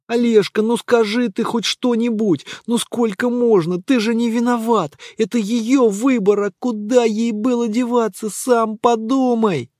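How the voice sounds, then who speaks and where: Аудиокнига: встревоженный умоляющий мужчина, озвучен чтецом, высокий голос. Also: male voice, very high-pitched, steady tone, measured pace, few pauses, a little mellow, no room sound, clean studio sound, voice pushed up. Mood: pleading. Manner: pleading, urgent. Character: worried man, childhood friend, pleading.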